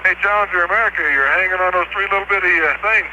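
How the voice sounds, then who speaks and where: A man's voice: high-pitched, steady tone, rapid-fire, bright, forceful tone. Man on breaking-up space radio. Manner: clipped and matter-of-fact, checklist-like. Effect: breaking-up space radio transmission. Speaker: astronaut. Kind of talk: terse procedural callouts over mission radio. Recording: static-filled lo-fi air-to-ground radio.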